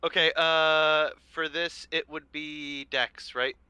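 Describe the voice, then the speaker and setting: A man's voice: on the high side, flat delivery, slow, sharp tone, clear, resonant tone, dry recording. A man playing a tabletop game, hesitant and checking the rules. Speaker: player.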